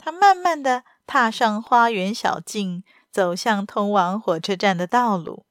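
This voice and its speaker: A woman's voice: medium pitch, a little slow, dry recording. Woman reading a story, dry close sound. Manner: steady, even narration. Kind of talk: reading a novel aloud.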